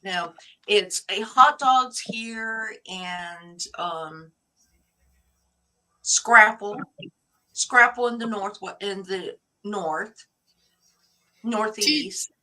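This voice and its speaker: A woman's voice: medium pitch, drawn-out words, long pauses, bright, forceful tone, poor audio. A woman chatting casually, opinionated and joking, laughing often. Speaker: chat show participant. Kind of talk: casual chat.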